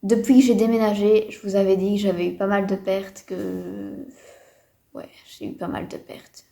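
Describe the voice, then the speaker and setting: Mellow-voiced woman chatting about houseplants. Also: mid-range voice, little pitch movement, moderate pace, vocal fry. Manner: chatty, hesitant with many fillers, mildly disappointed. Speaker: houseplant vlogger. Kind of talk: casual chat to camera. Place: indoors at home. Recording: roomy echo.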